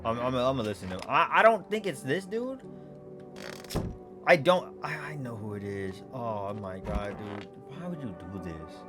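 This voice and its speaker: A man hosting a gaming video, thinking out loud in casual, slangy let's play commentary. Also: mid-range voice, expressive, normal speed, over music.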